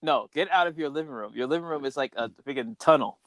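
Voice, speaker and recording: A man's voice: mid-range voice, quick pace, no echo. A man hosting a podcast in casual chat, exclaiming and thinking aloud with restarts. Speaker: podcast host.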